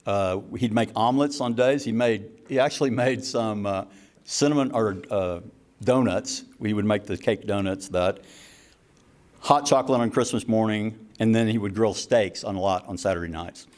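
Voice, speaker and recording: A man's voice: fairly low pitch, moderate pace. Man telling family stories at a party. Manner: warm storytelling with laughs and asides. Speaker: son giving a tribute speech. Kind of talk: anniversary party speech. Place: party hall with a crowd.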